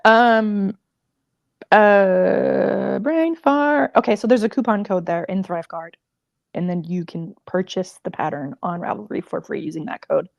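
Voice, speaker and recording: A woman's voice: mid-range voice, level tone, unhurried, vocal fry, dry recording, muffled recording. A woman crochet designer chatting casually on a livestream, rambling and emotional with many fillers.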